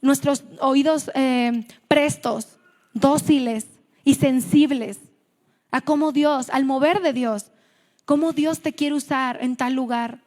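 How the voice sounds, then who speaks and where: A woman's voice: sits high, steady tone, slow, a little mellow. A woman with a Mexican accent preaching a sermon to a women's meeting, speaking conversationally and telling stories, often correcting herself mid-phrase. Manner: conversational, storytelling, self-correcting. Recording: long hall reverb.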